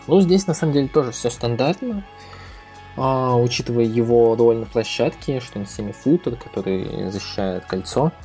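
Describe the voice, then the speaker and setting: A man hosting a basketball analysis monologue, speaking casually and haltingly, with a speech impediment on his R sounds. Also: mid-range voice, warm tone. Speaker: basketball podcast host.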